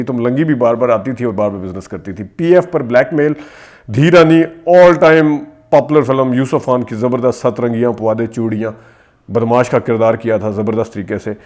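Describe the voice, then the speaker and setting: A man hosts a film-history commentary. He reels off movie titles at a quick clip, stressing the names and dropping short asides between them. His voice sits at an average pitch for a man. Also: a little mellow. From Pakistan. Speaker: host.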